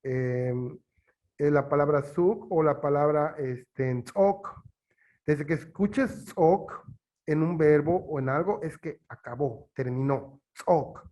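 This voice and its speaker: A teacher from Yucatán in Mexico, accented accordingly, gives halting, slow explanations full of fillers during an interview. His voice leans high and a little mellow.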